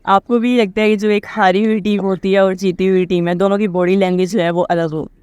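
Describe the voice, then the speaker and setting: Interviewer guy, high clear voice, short questions. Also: flat delivery, fairly quick, a little mellow, no echo. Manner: asks short direct questions.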